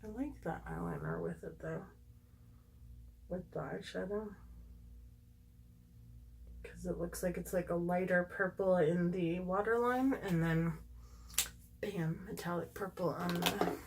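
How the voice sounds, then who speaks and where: A woman with a slightly squeaky voice giving a casual, chatty makeup tutorial, gushing and emphatic as she thinks aloud to her viewers. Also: unhurried, gravelly, long pauses, a little hiss or hum, rough recording.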